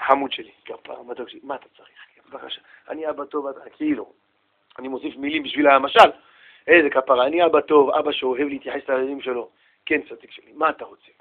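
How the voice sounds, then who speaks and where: A man acting out a father who speaks to his son in a soft, sweet, coaxing voice. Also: on the high side, fairly even intonation, long pauses, phone-quality sound, pitched below the performer's own voice. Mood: syrupy. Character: falsely gentle, soft-spoken father.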